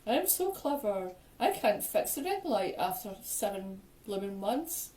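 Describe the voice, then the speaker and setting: A woman's voice: medium pitch, sing-song, a little slow, a little mellow, distant mic. Teasing tipsy woman. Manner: teasing, wisecracking, playfully self-mocking. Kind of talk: casual chat, joking. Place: home, in front of a ring light. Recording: echoey room.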